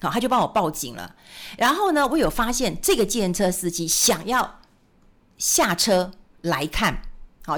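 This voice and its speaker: A woman, a radio finance host telling a story and acting out the voices she quotes. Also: lowish voice. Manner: animated, acts out quoted voices. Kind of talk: storytelling commentary.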